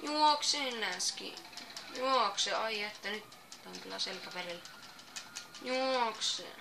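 A woman doing let's-play game commentary, excitable, shouting commands and exclamations at the game. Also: mid-range voice, vocal fry, background noise. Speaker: gameplay commentator.

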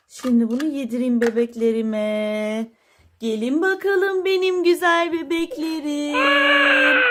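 Woman, very high voice, slow unhurried talk, motherly sing-song to baby dolls, loud background noise. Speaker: toy play video host. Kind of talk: toy play narration, talking to baby dolls.

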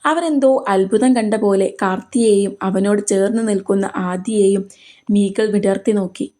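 Mellow woman narrating a romance serial. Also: mid-range voice, moderate pace. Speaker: storyteller. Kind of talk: reading a serial romance story aloud.

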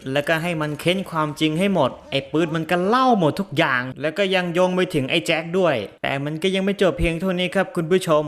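A man's voice: on the high side, a bit bright. Chatty man recapping a movie. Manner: chatty, teasing, slangy asides to viewers. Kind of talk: casual comic movie recap narration.

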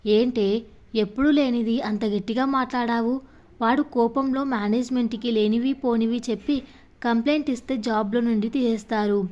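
A woman's voice: fairly high pitch, fairly even intonation, normal speed, darkish tone, natural voice. A woman reading the lines of a worried female coworker who cautions her friend in an anxious tone.

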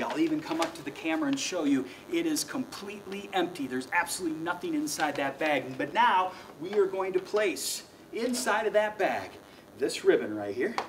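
A man's voice: high-pitched, recorded from a distance, a little hiss or hum, rough recording. A young adult man performing a children's magic show, with playful, mock-flustered showman patter aimed at the kids.

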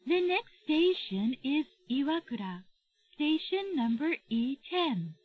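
A woman giving a recorded train announcement over the loudspeaker, formal and carefully enunciated. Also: sits high, big pitch swings, drawn-out words. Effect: played over a train loudspeaker. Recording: dull lo-fi train audio.

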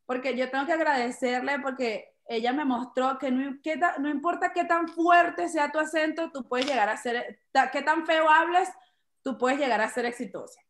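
A woman's voice: high voice, normal speed, a bit bright, echoey room. A woman from Venezuela with a Venezuelan Spanish accent, performing a playful, self-mocking stand-up comedy set.

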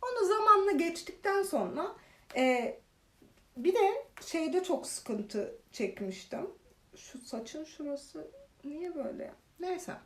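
A young woman casually telling funny stories in a vlog, animated and exaggerated. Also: extremely high pitch, takes it slowly. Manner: animated, exaggerated retelling with laughs. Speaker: vlogger. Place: living in Korea.

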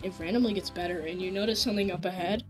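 Young woman game master, casual rambling narrator, soft music underneath. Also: on the low side, steady tone, racing. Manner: casual, rambling with many restarts and fillers.

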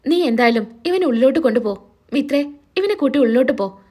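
A woman voicing a middle-aged father who calmly consoles his wife and gives brisk instructions. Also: high-pitched. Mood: soothing.

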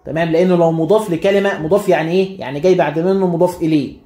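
Egyptian guy teaching grammar fast, high voice, echoey room, keeps quizzing himself. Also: warm tone. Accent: Egyptian Arabic. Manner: quizzes himself and repeats rules. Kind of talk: classroom explanation.

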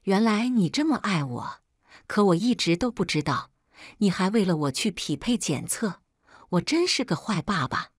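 A woman's voice: mid-range voice, sing-song, moderate pace, dry recording, studio quality. A woman voicing a remorseful, dying middle-aged father who begs his family for forgiveness in a read-aloud story. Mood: pleading. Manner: pleading, apologetic. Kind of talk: storybook character reading.

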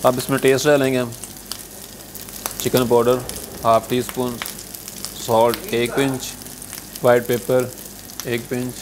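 A man cooking at a restaurant stove, calmly walking through each recipe step and saying "achha ji" between steps. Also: mid-range voice, a little slow, pauses often. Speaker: cooking show chef. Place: restaurant kitchen at a gas stove. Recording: loud sizzling frying noise behind.

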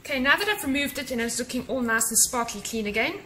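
Talking fast in a high-pitched, expressive voice, a woman in her thirties narrates a casual how-to from her home kitchen. She's a cleaning vlogger, chatty and practical, giving organizing and cleaning tips straight to viewers over a very noisy recording.

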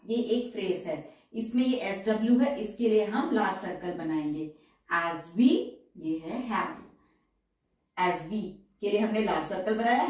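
A woman teacher works through shorthand exercises step by step and slowly repeats each example word. Her tone is dark and mellow. She sits away from the mic in a strongly echoing room. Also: medium pitch, distant mic. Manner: slow, careful repetition of example words. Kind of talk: step-by-step tutorial.

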